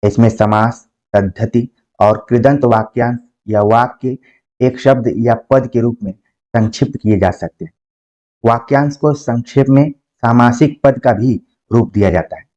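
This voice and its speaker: A man teaching grammar for an exam, explaining patiently, repeating example words slowly and asking himself rhetorical questions. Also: medium pitch, darkish tone, no echo. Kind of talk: exam-prep grammar lesson. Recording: dull, muffled dry recording.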